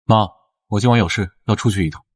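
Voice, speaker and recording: An evasive young heir. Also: male voice, lowish voice, fast talker, husky. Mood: curt. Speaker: husband, son. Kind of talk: TV drama acting.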